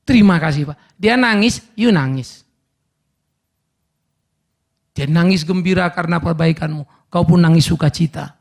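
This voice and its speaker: Middle-aged male pastor, lively sermon delivery with gravelly high tone. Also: unhurried, pauses often. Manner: animated preaching, acts out everyday dialogues. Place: church service.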